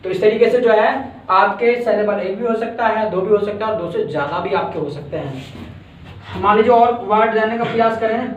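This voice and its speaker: A man's voice: high-pitched, fairly quick, slight background noise. A man from India teaching a grammar class, patiently repeating words and breaking them into syllables. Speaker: English teacher. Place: echoey classroom. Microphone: far from the mic. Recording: echoey room, distant dull lo-fi mic.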